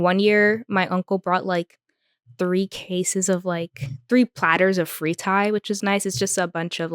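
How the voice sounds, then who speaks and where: Young woman podcast co-host, casual and chatty, smooth clear tone, dry close mic. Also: medium pitch, fairly bright tone, dry recording. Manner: chatty, lots of "like" and "um" fillers. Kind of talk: casual chat.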